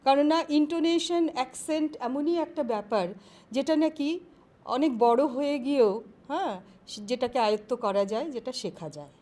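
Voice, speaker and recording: A woman professor answering interview questions on careers in a measured, explanatory way, pausing often to find her words. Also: sits high, dark tone. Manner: measured, explanatory, with frequent pauses and fillers.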